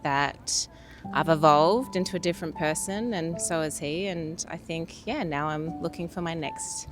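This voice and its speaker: A woman in her thirties with an Australian accent, answering a street interview in an open, reflective and measured way, outdoors on a city street. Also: deep voice. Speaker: passer-by interviewee. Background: music.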